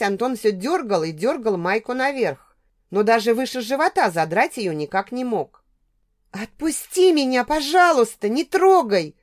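A woman narrating a tense first-person novel as an audiobook reader. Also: mid-range voice.

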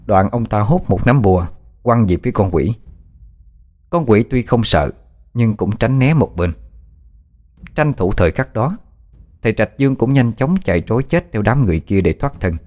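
Low-voiced man narrating a horror story. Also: animated, moderate pace, long pauses, a little mellow. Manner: dramatic, suspenseful reading.

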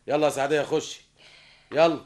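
A man's voice: a little high, steady tone, a little fast, darkish tone, lightly acted. A man voicing a bossy man who orders people through a theft test, brusque and impatient, in an Egyptian accent, in a radio drama. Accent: Egyptian Arabic. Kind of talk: vintage radio drama acting.

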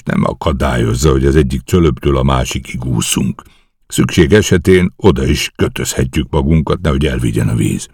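An eager, bold young commando officer, read by a man who reports his mission earnestly and respectfully. The voice sits very deep with a gravelly edge and a husky grain. It sounds dry and close. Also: a little mellow, no room sound, exaggerated voice.

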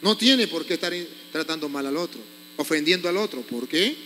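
A man's voice: a little high, expressive, fairly quick, sharp tone, long reverb tail, a little hiss or hum. A priest preaching a sermon, scolding his congregation with pointed rhetorical questions.

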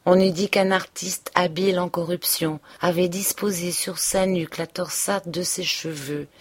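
A woman reading a classic novel aloud as audiobook narrator, in a steady, even literary manner. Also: fairly low pitch, normal speed, slightly rough. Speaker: audiobook reader.

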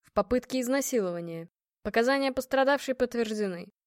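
A woman's voice: a little high, expressive, a little fast, dry recording, clean studio sound, natural voice. A woman voicing a stern male police officer who gives curt orders in an audiobook. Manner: curt, commanding.

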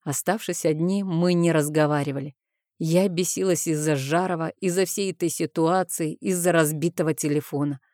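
A woman reading a first-person novel aloud in an expressive, dramatic way, recorded close to the mic. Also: low-pitched, normal speed, dry recording. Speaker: audiobook narrator.

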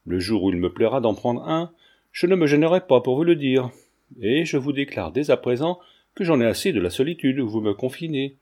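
A man voicing a proud, sharp-tongued young countess with a curt, demanding manner in an audiobook. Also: mid-range voice, expressive, fairly quick, close to an everyday voice.

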